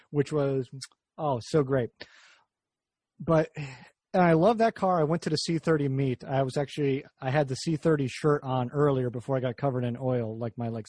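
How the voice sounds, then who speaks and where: A man's voice: mid-range voice, darkish tone, dry recording. Rambling jokey male car-talk host. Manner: rambling, jokey, self-interrupting. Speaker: podcast host. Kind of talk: casual car chat.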